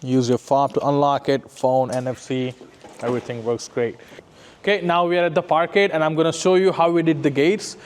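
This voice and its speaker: Speaking fairly quickly in a slightly high, steady voice, with a little hiss or hum in the recording, a male installer leads an easygoing walkthrough of a residential building from lobby to parkade. He explains as he goes and frequently tacks on "right?"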